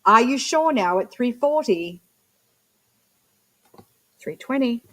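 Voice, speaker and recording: A woman's voice: on the high side, animated, slow pace. A woman working as a live auctioneer, chanting bid numbers and prompts between short descriptions of the lots.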